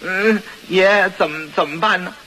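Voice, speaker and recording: A man's voice: sits high, unhurried, bright, forceful tone, a little hiss or hum. A man voicing a sly, servile house steward who wheedles and excuses himself to his master. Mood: cringing.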